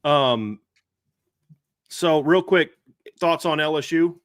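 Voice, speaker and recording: A man hosting a live sports talk show, talking in an animated, rambling way with frequent restarts. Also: a little high, slow, dry recording, clean studio sound. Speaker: podcast host.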